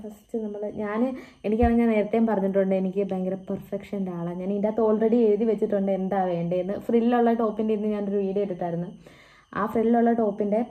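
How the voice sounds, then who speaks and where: A woman's voice: mid-range voice, fairly even intonation, quick pace, phone-quality sound. A woman chatting casually in a day-in-my-life vlog, adding friendly tags to her sentences. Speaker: vlogger.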